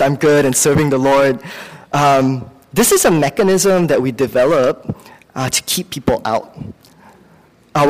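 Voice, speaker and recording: Here a man from Singapore delivers a sermon in a medium-pitched voice with a Singaporean accent. His style is chatty and halting, full of personal anecdotes and self-corrections. The sound carries a long hall reverb.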